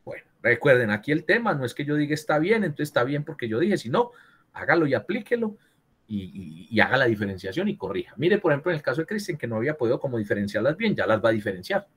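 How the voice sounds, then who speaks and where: Quick-paced and husky, with a mid-range voice and big pitch swings, a man gives a virtual writing lesson by video call. He keeps correcting students and checking in, often asking "¿cierto?".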